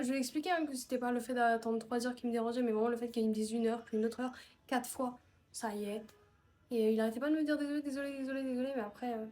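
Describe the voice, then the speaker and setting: A young woman chats into her phone at home, talking things over in a loose, mildly irritated way. Her voice is somewhat high, and she keeps reaching for little fillers as she goes. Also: darkish tone. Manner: chatty, mildly annoyed, many fillers. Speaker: vlogger. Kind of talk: casual vlog chat.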